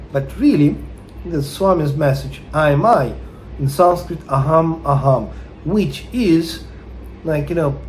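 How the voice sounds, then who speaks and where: A man's voice: fairly high pitch, a little hiss or hum. A man with a Russian accent and Russian as his first language, giving a spiritual talk that reads out quotes and explains them, hesitant and full of fillers. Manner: hesitant, many fillers, unhurried. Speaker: spiritual teacher.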